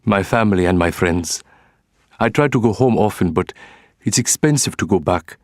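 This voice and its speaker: An actor playing an engineer from Egypt who speaks calmly and plainly in a scripted textbook interview. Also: male voice, low voice, normal speed, dry recording, studio quality.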